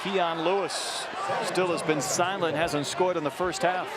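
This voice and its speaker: Male play-by-play commentator, high-pitched voice, live basketball, stats-driven calls, very loud crowd. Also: steady tone, measured pace. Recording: noisy arena broadcast with loud crowd. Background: loud crowd, bouncing basketballs.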